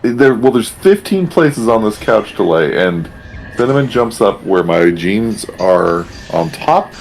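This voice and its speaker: A man's voice: lowish voice, sing-song, unhurried, gravelly, slight background noise. A man streaming a game and chatting casually, cracking crude jokes and laughing easily. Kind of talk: casual chat while gaming.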